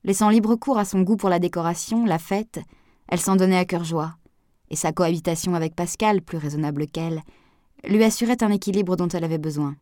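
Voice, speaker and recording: A woman narrating an audiobook in a measured, even storytelling manner. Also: fairly low pitch, dry recording, clean studio sound. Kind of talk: scripted narration.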